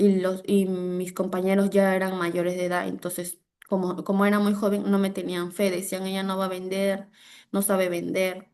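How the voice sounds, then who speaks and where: A middle-aged woman with a Peruvian Spanish accent preaching a sermon, fervent, with repeated prayer declarations and bursts of loud emphasis. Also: mid-range voice.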